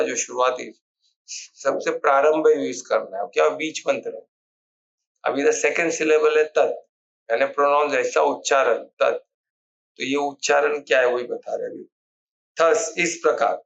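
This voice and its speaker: A man's voice: mid-range voice, creaky, a bit bright, dull audio. A man giving an informal spiritual talk on scripture, asking rhetorical questions and repeating key words. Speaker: spiritual teacher explaining scripture. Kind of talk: informal Hindi discourse on scripture.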